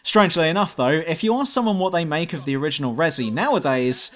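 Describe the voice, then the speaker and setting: A man's voice: a little high, quick pace, a bit bright. A man narrating a scripted video game review as host, blunt and sardonic.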